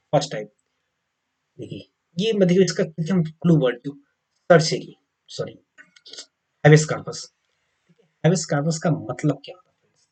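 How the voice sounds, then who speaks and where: An Indian teacher gives an exam coaching lecture, mixing Hindi with English legal text read out slowly and often repeating key points for viewers. His voice is a little high, mellow, and slightly rough. The recording is rough.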